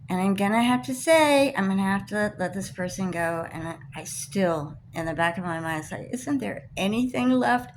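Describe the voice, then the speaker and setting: A woman's voice: fairly low pitch, moderate pace, few pauses, slight background noise, poor audio. A woman, older, ranting to camera in an indignant, emphatic way about being let down. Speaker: vlogger. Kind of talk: personal rant to camera.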